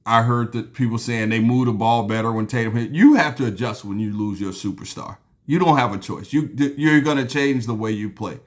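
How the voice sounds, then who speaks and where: A man's voice: mid-range voice, fairly quick, hardly any pauses. A man hosting a basketball talk show, chatting casually and loosely, with lots of ums and restarts, sipping a beer as he goes. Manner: relaxed, rambling, with frequent ums and restarts; sipping a beer while talking. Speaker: basketball podcast host. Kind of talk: casual solo sports talk.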